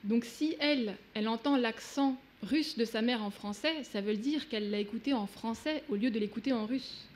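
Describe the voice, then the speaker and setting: A woman's voice: on the high side, normal speed, a little hiss or hum. A woman author whose native language is Russian, talking reflectively and searching for words. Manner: searching for words, many hesitations. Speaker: author guest. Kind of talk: reflective talk. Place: event hall.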